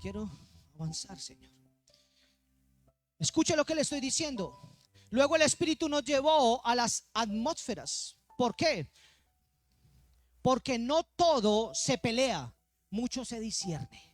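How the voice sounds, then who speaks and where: A man's voice: extremely high pitch, lively intonation, measured pace, no echo, faint music behind. A male pastor preaching a sermon emphatically, repeating key lines and calling out to the congregation.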